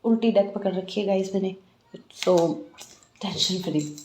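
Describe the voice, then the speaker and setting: A woman's voice: medium pitch, measured pace, echoey room, slight background noise. An Indian woman doing a casual tarot reading, chatting to viewers with a slightly sore throat. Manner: chatty, animated, addresses viewers as guys. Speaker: tarot reader.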